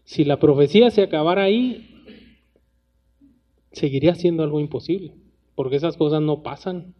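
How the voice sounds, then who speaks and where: A man's voice: fairly high pitch, normal speed. A man preaching a sermon in a conversational way, often asking rhetorical questions. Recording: dull lo-fi sound.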